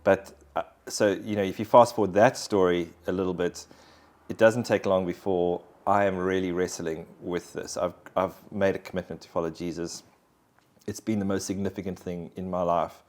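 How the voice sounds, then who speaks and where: A man's voice: low-pitched, fairly even intonation, normal speed, darkish tone. A man, sharing his personal faith story in an interview in an earnest, reflective way. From South Africa. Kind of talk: conversational personal testimony.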